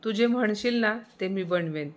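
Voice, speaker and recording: A woman's voice: mid-range voice, moderate pace, voice pushed up, natural voice. A woman playing an anxious young married daughter. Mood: worried. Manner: worried, pleading.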